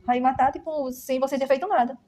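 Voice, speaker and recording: Woman doing a protective brazilian mom warning her daughter, fast earnest talk, dark tone. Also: sits high, steady tone, close to an everyday voice. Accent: Brazilian Portuguese.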